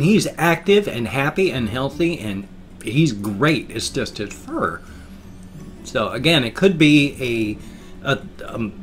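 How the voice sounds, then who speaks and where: A man chatting casually and ramblingly to a webcam at home, slightly slurring his words around loose, ill-fitting dentures. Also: medium pitch. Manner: rambling, repeats and rephrases himself. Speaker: vlogger showing pet hamsters. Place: indoors, a room at home. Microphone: webcam setup.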